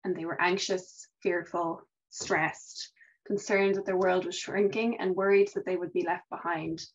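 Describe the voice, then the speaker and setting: A woman's voice: fairly low pitch, fairly even intonation, measured pace. A middle-aged woman giving an online conference presentation, conversational, with ums. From Ireland. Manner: warm conversational presenting with fillers. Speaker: research and policy manager presenting. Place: home office, indoors. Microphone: video call. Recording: muffled video call audio.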